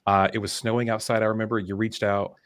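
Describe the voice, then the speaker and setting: A man's voice: lowish voice, flat delivery, fast, no room sound. A young man as a podcast guest, telling candid, self-deprecating stories in a casual interview. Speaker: podcast guest, business founder.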